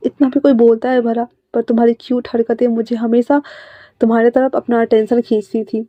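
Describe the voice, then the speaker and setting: A woman voicing a calm, affectionate young man who speaks softly and low, in a dry, slightly muffled recording. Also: a little fast, dry recording, lightly acted. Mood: tender. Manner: soft, low and hushed.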